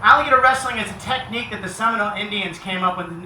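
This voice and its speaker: A man's voice: high-pitched, racing, pushed and bright. A man projecting joking live show patter to an audience as a presenter. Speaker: alligator wrestling show presenter. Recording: echoey, slightly distant, faint noise.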